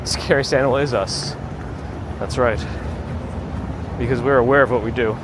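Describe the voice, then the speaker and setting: A man's voice: mid-range voice, steady tone, normal speed. A man live streaming on a walk outdoors, chatting casually with viewers in an unpolished, conversational way. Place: outdoors, walking on city streets and a bridge. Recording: loud outdoor city traffic noise. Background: traffic, vehicles, urban ambience.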